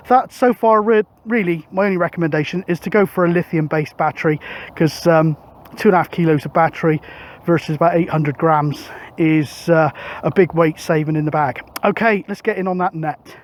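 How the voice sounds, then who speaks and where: Chatting outdoors atop a grassy hill, this British vlogger and CB radio operator keeps things easygoing and colloquial. His high-pitched voice holds a steady tone at a moderate pace.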